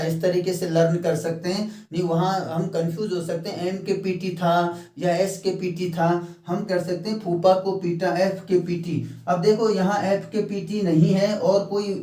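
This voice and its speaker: A man teaching a phonetics lesson, explaining each point slowly and step by step, slipping English terms into his talk. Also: sits high, dark tone, far from the mic. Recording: echoey room, mic set back.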